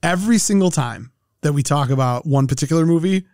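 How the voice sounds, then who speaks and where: A man's voice: on the high side, expressive, fast, darkish tone, no room sound, studio quality. A man hosting a podcast with casual, emphatic chat about movies, repeating phrases for stress. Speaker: podcast host.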